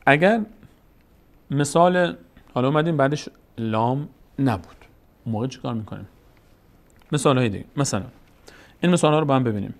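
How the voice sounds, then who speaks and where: A man teaching Quran reading step by step, patiently repeating each rule and slowly sounding out example words. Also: medium pitch. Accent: Persian-speaking, Tajikistan channel. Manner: patient, repeats rules, addresses viewers as dear ones. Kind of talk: step-by-step recitation lesson.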